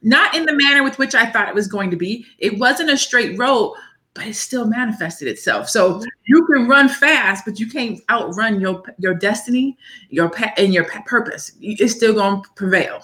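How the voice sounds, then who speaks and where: Speaking at a moderate pace in a slightly high voice, a forties-aged woman talks earnestly about her book as an interview guest. The conversation is relaxed; her faith shows, and excitement makes her repeat herself and begin again as she gathers momentum.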